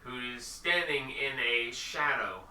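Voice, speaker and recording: A man narrating a tabletop game as game master, halting with many fillers. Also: mid-range voice, sharp tone, roomy sound, distant mic, slight background noise.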